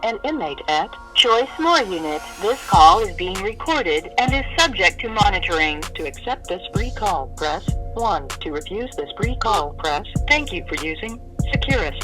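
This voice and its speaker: A woman's recorded voice giving an automated prison phone-call prompt in a flat, formal manner, heard over a phone line with prompt beeps. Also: medium pitch, moderate pace, few pauses, over music. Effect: automated phone-line message with prompt beeps. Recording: distant tinny phone line.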